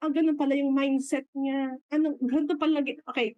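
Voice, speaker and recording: A high-pitched middle-aged woman with a Filipino accent, coaching listeners in a lively motivational talk. She laughs often and jumps into quoted voices. The sound is dry and close, with almost no room echo. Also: brisk, highs cut off. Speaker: business mentor.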